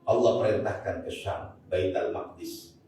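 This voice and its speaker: A warm, low-pitched voice, a little slow, belongs to a Jakarta preacher with a Betawi accent. In a large mosque hall he delivers a sermon full of jokes, often addressing the audience directly. The hall is very echoey, his voice is far from the mic, and faint noise can be heard.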